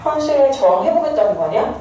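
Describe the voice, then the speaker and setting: A woman teaching a poem in a chatty, playful lecture, firing quick questions at her students. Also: sits high, big pitch swings, warm tone, slight background noise. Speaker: Korean literature teacher. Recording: echoey room heard from a distance.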